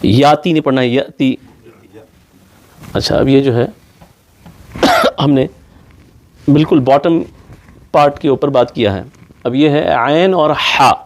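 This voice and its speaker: A man's voice: mid-range voice, long pauses, a little mellow. A man teaching Quran pronunciation in a classroom, patiently repeating sounds over and over to demonstrate them.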